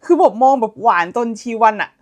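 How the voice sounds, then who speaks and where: A young woman retelling a romance novel in a chatty, gossipy way, excitable and teasing, with frequent laughs and squeals. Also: fairly high pitch, fairly quick. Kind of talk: chatty gossip-style storytelling.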